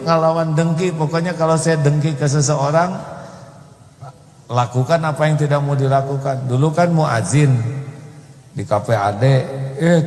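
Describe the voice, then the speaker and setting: A man giving a humorous sermon, acting out mothers and children in high squeaky voices. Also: darkish tone. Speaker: preacher. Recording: echoey hall with faint noise.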